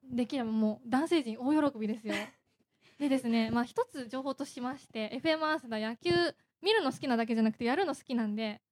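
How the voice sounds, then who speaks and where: A woman's voice: a little high, fast. A woman hosting a student radio show, chatty and encouraging. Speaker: radio circle host. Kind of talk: casual radio chat.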